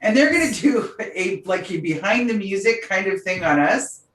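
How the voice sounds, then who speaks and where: On a podcast she co-hosts, a woman with a medium-pitched voice chats casually at a moderate pace, telling a story animatedly and laughing a lot. The recording is roomy, with the mic set at a distance.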